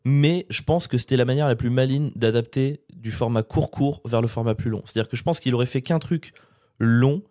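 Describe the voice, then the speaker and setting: A man's voice: medium pitch, brisk, mellow, no room sound, clean studio sound. A man co-hosting a podcast from France, chatting in a slangy, rambling, self-mocking way. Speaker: podcast co-host. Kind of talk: casual chat.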